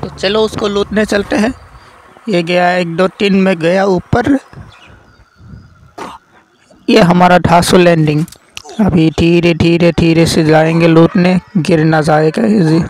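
A man giving casual, excitable gameplay commentary, swearing and yelling at his teammates as he plays. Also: sits high, a little slow, rough recording. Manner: excitable, swears and yells at teammates mid-game. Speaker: gaming commentator.

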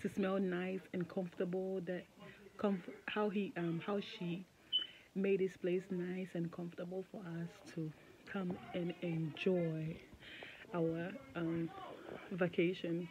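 A woman's voice: fairly low pitch, little pitch movement, slow pace, crowd noise. A woman in her forties chatting casually to her phone camera for a travel vlog, rambling with lots of fillers. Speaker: vlogger. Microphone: phone at arm's length. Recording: dull lo-fi phone audio with background noise.

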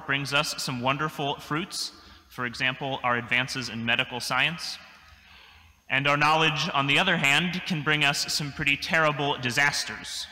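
A young adult man, a priest, gives a measured, thoughtful sermon from a church pulpit, with dry little asides. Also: medium pitch, pushed and bright. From United States. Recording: long church reverb.

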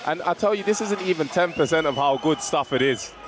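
A man's voice: a little high, a little fast, a crowd in the background. A man co-commentating live on a fight, admiring and repeating his phrases.

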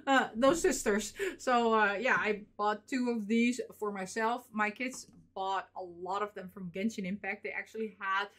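A woman's voice: mid-range voice, steady tone, normal speed, hardly any pauses, a bit bright. Woman, 30s, vlogger. Casual unboxing chatter, rambling, filler-heavy. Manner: chatty, rambling, frequent fillers and small laughs. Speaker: vlogger showing convention purchases.

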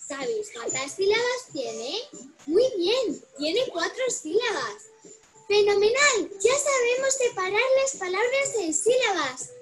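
A woman with a Spain accent narrating a children's video, slow and sing-song, drawing words out syllable by syllable. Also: very high-pitched, very animated. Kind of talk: cheerful scripted narration for children. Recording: video played over a call with faint music.

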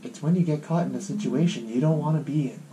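A man voicing a kindly old grandmother who runs a shop in a game, speaking slowly and softly. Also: on the high side, close to an everyday voice. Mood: gentle. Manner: slow, soft old-lady delivery. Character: kindly old grandma shopkeeper, gentle and homely. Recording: guitar music playing behind.

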